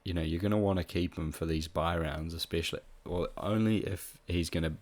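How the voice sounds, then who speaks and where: Man, very low voice, nasal, slightly sick, casual, lots of ums. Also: a little fast. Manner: relaxed, with frequent ums and restarts. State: a bit sick. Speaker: fantasy football tipster. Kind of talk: casual solo analysis.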